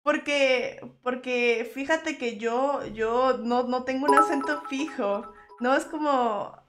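High-voiced, animated Colombian streamer woman. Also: loud music behind the voice. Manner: animated, slangy, quick laughs, playful teasing. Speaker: VTuber streamer. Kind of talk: live stream reaction chat.

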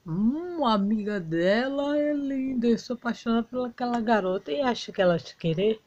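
A woman's voice: a little high, animated, normal speed, a little mellow, muffled recording. A woman playing every part in a home doll soap opera, switching between character voices. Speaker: doll play narrator voicing all characters.

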